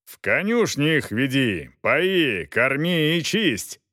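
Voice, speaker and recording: A man voicing a gruff knight who talks in a dry, unhurried, commanding way in an audiobook. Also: mid-range voice, big pitch swings, bright, forceful tone, no echo, pitched above the performer's own voice, heavily acted. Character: gruff, mocking knight, weary after a long ride.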